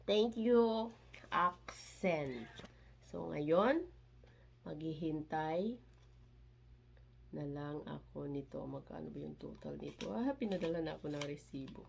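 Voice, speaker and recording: A woman unboxing a parcel in a casual vlog, chatty and excitable, with little squeals of delight and mixed English phrases. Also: low-pitched, slow pace, creaky, long pauses, a little hiss or hum. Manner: excitable, squeals and laughs between items; mixes Tagalog and English, chatty. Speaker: vlogger.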